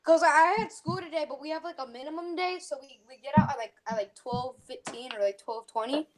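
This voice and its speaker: A woman chatting as a guest on a casual hangout who trolls the others with deadpan jokes. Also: high voice, a little fast.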